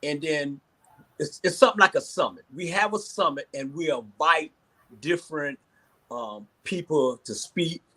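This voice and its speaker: A man in his sixties with a Southern American accent talks casually as a panelist. His voice sits a little high, and he is informal, often saying a phrase again. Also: moderate pace, bright, forceful tone. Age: 60s. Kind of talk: casual discussion.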